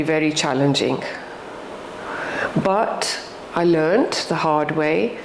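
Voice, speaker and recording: An older woman with a British accent, talking reflectively about her own life in an earnest, halting way, repeating words for emphasis. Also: fairly low pitch. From England. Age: older, around 60. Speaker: interviewee. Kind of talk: reflective personal conversation. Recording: echoey room with faint background noise.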